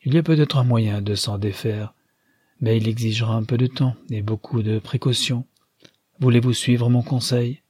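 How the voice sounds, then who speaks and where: A man reading aloud, voicing a composed, commanding old grandmother who gives counsel in a measured way. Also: mid-range voice, fairly even intonation, darkish tone, slightly rough, no echo, clean studio sound, close to an everyday voice. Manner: measured, authoritative.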